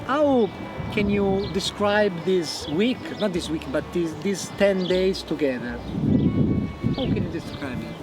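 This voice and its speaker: A man interviewing artists, halting and rephrasing his questions as he goes. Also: high-pitched, animated, heavy background noise. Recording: loud music behind the voices.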